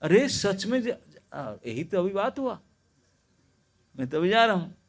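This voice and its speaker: A young boy speaks firmly and plainly, set on leaving home, as a male preacher plays him. The preacher's own voice carries it, a little high for a man. It is a story figure told aloud in a spiritual lecture. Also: sing-song, measured pace, full character voice. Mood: insistent.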